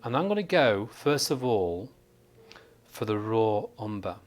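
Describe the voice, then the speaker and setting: A man's voice: lowish voice, very animated, measured pace, soft background music. A man from northern England giving a live watercolour tutorial, chatting and joking as he thinks aloud while painting at a desk under studio lights.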